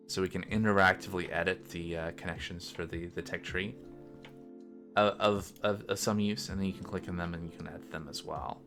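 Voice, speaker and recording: A game developer with a low voice talks casually through his work on a coding stream. His think-aloud commentary is halting, and he mutters to himself as he goes.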